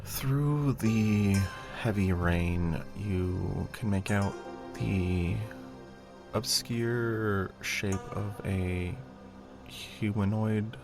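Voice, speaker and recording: A man's voice: fairly low pitch, drawn-out words, gravelly. A man acting as game master, improvising narration for a tabletop game. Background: background music.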